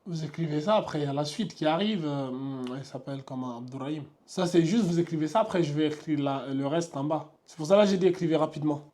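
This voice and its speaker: A Quran recitation teacher's voice sits a little high with a darkish tone, and he talks fast with few pauses. During his classroom lesson in a room with a board, he patiently repeats examples and draws out each sound as he demonstrates.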